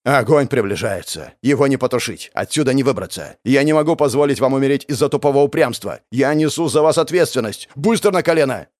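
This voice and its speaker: A man's voice: medium pitch, lively intonation, fairly quick, hardly any pauses, no room sound, studio quality, lightly acted. A man voicing a tough, protective male gang boss who barks urgent orders. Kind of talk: audiobook character voice.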